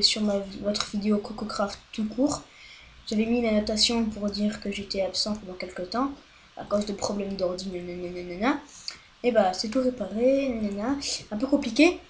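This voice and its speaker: A woman talks her way through a home game session into a headset mic, loose and rambling, letting swear words slip and then apologizing. Her voice sits at a middling pitch with faint noise in the background. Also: fairly even intonation, normal speed. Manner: chatty and rambling, swears often, apologizes a lot. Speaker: gaming video host. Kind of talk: casual let's-play commentary. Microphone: headset microphone.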